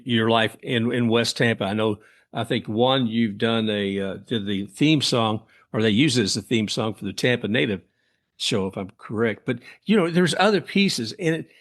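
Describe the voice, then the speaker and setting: A male podcast host guides the conversation with affirming remarks and easy laughter. His voice sits at a middling pitch and his delivery is relaxed and conversational. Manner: affirming, laughs along often. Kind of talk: casual interview chat.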